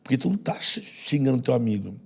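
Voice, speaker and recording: A man from Brazil, a podcast guest, telling personal stories in an earnest, heartfelt way and sometimes dropping to a soft hush. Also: mid-range voice, big pitch swings, fast talker. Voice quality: gravelly and very husky. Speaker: podcast guest, social project leader. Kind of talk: personal storytelling in conversation.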